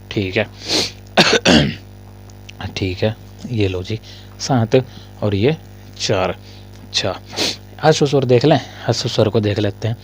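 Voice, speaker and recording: A man teaches a casual grammar lesson at a writing board in a somewhat low voice. He fires a short question at his students and then answers it himself, and he coughs and clears his throat between lines.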